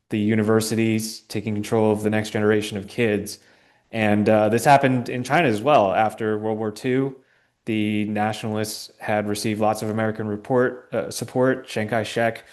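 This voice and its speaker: A young adult man, appearing as a guest, answers questions with informal talk about politics, somewhat halting as he hunts for words. His voice is lowish with a darkish tone.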